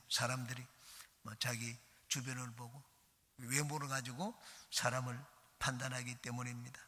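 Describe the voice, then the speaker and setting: A man's voice: medium pitch, bright, forceful tone. A middle-aged male pastor giving an earnest dawn sermon, reading scripture aloud. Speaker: senior pastor. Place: church sanctuary. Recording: church hall reverb.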